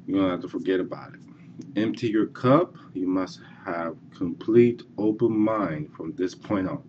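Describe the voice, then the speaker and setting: Casting: low-voiced man, casual course presenter, halting and repetitive, slightly muffled recording. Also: slight background noise. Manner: halting, repeats and restarts, says okay a lot. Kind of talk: casual screencast walkthrough.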